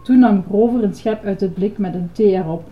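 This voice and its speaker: A woman narrating a children's storybook in a calm, measured way, on a dull lo-fi recording. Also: mid-range voice. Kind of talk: storybook reading.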